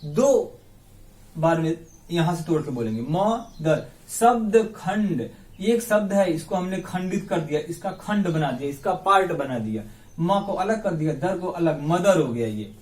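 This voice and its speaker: A man's voice: fairly high pitch, expressive. Guy teaching grammar, sounds far off the mic in a roomy echoey space, says words again and again syllable by syllable. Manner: repeats words slowly syllable by syllable, asks the class questions; friendly, calls listeners 'my brother'. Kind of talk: classroom-style lesson mixing Hindi and English.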